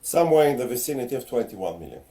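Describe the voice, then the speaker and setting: A slightly tipsy man lectures earnestly from his home, his voice dark and mellow at a middling pitch. He stops often to search for words with small hesitant fillers. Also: very animated, rapid-fire. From Bulgaria. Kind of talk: casual on-camera rant. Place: home, in front of a ring light.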